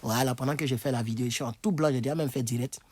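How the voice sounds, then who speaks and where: A man's voice: mid-range voice, very fast, a little mellow, no echo. A tired man giving a casual online language lesson from his bed, chatty and repetitive as he demonstrates phrases. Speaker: English teacher.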